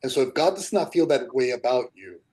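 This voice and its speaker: A man leads an online spiritual class in a gentle, encouraging way. He comes back to his points again and again. His voice is warm and mellow, carried over a video call. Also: mid-range voice, big pitch swings, a little fast, poor audio. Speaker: spiritual teacher.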